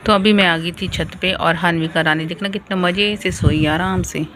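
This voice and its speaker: A young woman vlogging casually about her day with her children, sounding tired and sleepy, keeping her voice soft so the baby stays asleep. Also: on the low side, steady tone, normal speed, a little hiss or hum. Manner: chatty, talking softly to avoid waking a baby. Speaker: vlogger, mother. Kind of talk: casual family vlog talk. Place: outdoors on a home rooftop.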